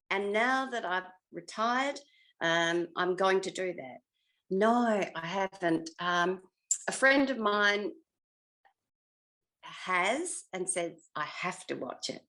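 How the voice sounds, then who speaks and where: Speaking at a medium pitch with a slightly bright quality, an older woman over sixty reflects on things as a retired actress being interviewed. She thinks out loud, and her sentences tend to trail.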